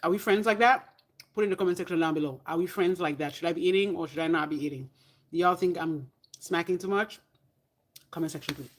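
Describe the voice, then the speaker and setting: Chatty woman with a low voice. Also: fast. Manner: chatty and candid, animated asides, swears and drops to a whisper at times. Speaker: perfume vlogger. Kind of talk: casual chat to camera.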